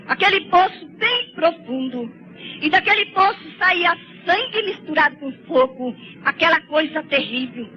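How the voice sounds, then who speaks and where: A woman's voice: extremely high pitch, lively intonation, moderate pace. A woman gives a fervent, tearful testimony sermon and keeps calling her listeners brothers. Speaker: church sister giving a testimony. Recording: slightly dull lo-fi recording with faint noise.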